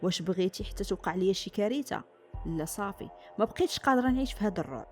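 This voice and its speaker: A frightened, defiant mother from a spoken storybook tale, put on by a woman narrator. She speaks with a Moroccan accent, pleading and insisting. Her delivery is quick, and the tone is mellow and dark. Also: lowish voice, expressive, soft background music, natural voice. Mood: frightened, insistent. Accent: Moroccan Arabic.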